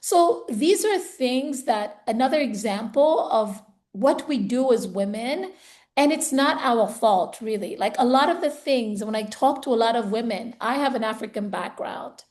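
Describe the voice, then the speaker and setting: A woman's voice: a little high, animated, normal speed, darkish tone. A woman who was born in Zambia and raised in the US, talking earnestly and reflectively in a casual conversation, often saying "you know" and "like". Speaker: podcast conversation partner. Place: home, based in Italy.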